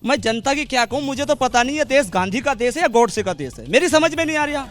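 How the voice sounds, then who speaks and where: Fiery high-pitched farmer arguing outdoors. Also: male voice, big pitch swings, fast, fairly bright tone, faint music behind. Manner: impassioned, raising his voice. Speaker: farmer and party supporter in a debate. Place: outdoor public gathering.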